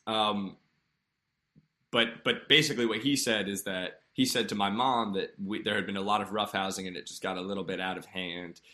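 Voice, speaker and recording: Man, personal storytelling, earnest, halting with fillers, lowish voice, bright forceful tone. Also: fairly even intonation. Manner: halting, many fillers and restarts; earnest, candid.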